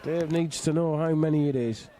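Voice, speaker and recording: A man's voice: fairly high pitch, steady tone, normal speed, dark tone, a faint crowd, low-quality recording. A middle-aged man giving casual, jokey live commentary on a bowls match. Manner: jokey, bantering. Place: outdoors on a flat roof in the rain.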